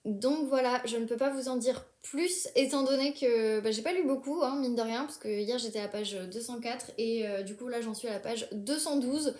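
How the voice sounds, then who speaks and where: A woman's voice: on the high side, moderate pace, few pauses, a little mellow, echoey room. A young woman talking casually about books she is reading, hesitant, with many fillers and restarts. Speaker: book vlogger.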